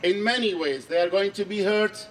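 A middle-aged man from Syria speaks at an outdoor rally in a fairly high voice. He is earnest and measured and hammers home key phrases by repeating them. The mic sits a little way off, with faint noise from the open square. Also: distant mic. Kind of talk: public speech at a protest. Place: outdoor square under trees. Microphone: handheld mic on a stand.

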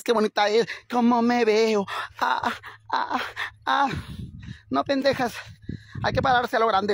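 A man's voice: high voice, fairly bright tone, breathy edge, no room sound, heavily acted. A man voicing a brash, foul-mouthed middle-aged woman out jogging, who chats crudely and dramatically to viewers she calls sisters. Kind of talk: comic character vlog. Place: outdoors on the street.

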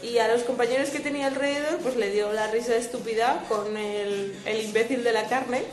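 Chatty high-voiced woman from Spain. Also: steady tone, a little fast, echoey room. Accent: Spain Spanish. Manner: chatty, laughs often, reads viewer comments aloud. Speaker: livestream host. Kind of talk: casual livestream chat. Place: at home lying in a swaying hammock. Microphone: phone.

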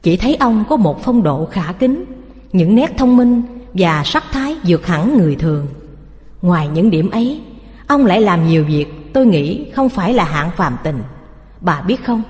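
A woman's voice: medium pitch, darkish tone, lightly acted. A woman reading a troubled, choked-up male doctor. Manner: choked, pleading. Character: grieving, anxious middle-aged male doctor. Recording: reverberant room.

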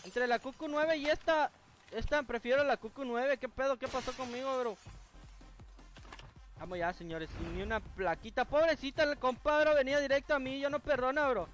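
A gaming streamer with a very high, slightly bright voice chats casually at a moderate pace during a live gameplay stream, reading out viewers' names. Game music is clearly audible behind him.

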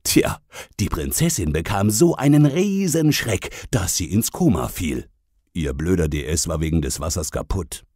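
A man's voice: deep voice, big pitch swings, normal speed, darkish tone, no room sound, studio quality. A man narrating a comic fairy-tale parody in a mocking, sarcastic tone. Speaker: storyteller.

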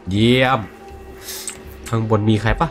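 Slow, medium-pitched and fairly even in intonation, this gaming streamer plays a video game live, voicing the characters' lines in translation and reacting between them. Soft background music plays underneath.

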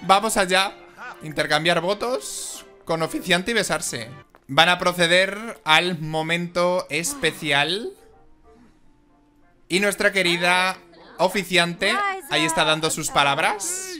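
A man giving casual, excitable and emotional commentary on a life-simulation game. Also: sits high, slow, faint music behind. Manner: excitable and emotional, exclaims and giggles. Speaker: gaming video host.

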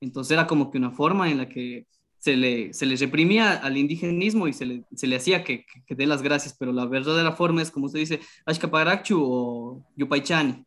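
A man's voice: mid-range voice, fairly quick, fairly bright tone. A man, a student asking curious, enthusiastic questions in an online class over a video call.

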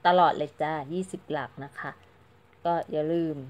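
Woman, crochet teacher, casual tutorial, polite and chatty, counts aloud, lowish pitch. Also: steady tone, moderate pace. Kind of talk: casual step-by-step craft tutorial.

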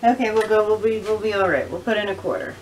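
A woman's voice: medium pitch, fast, a little hiss or hum. A middle-aged woman hosting a home cooking show, chatting through each step as she cooks in her kitchen. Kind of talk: casual cooking demonstration. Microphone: camera a few feet away. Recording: distant camera mic with kitchen clatter.

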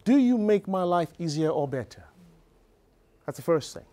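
A middle-aged man giving a motivational business talk to a live audience, telling a story in a lively, conversational way. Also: fairly high pitch, normal speed. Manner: animated, conversational storyteller with frequent "you know". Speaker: business speaker. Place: live presentation before an audience.

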